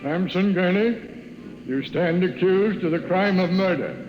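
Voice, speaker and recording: Solemn high-voiced judge in reverberant hall. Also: male voice, measured pace, muffled recording, loud music behind the voice. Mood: stern, solemn. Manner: solemn, declamatory. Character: stern, formal male courtroom judge. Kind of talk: 1950s radio drama acting. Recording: reverberant hall, old radio recording.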